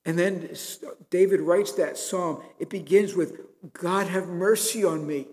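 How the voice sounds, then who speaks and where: A man delivering a sermon from the pulpit, earnest and storytelling, swelling into emphatic pleas. His voice sits a little high for a man. The sound rings with the long reverb of a big church sanctuary. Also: unhurried, a little mellow. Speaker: pastor.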